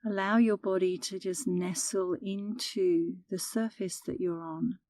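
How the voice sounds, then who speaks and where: This guided meditation comes from a middle-aged woman instructor whose delivery is soothing, calm, and slow-paced, spoken close to the microphone. No room sound can be heard, and her pitch is medium.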